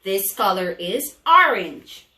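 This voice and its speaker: A woman's voice: mid-range voice, big pitch swings, slow, sharp tone. A woman preschool teacher leading a children's call-and-response lesson in an overbright, exaggerated singsong manner. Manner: overbright, exaggerated kids-host delivery with singsong questions. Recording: echoey room, distant microphone.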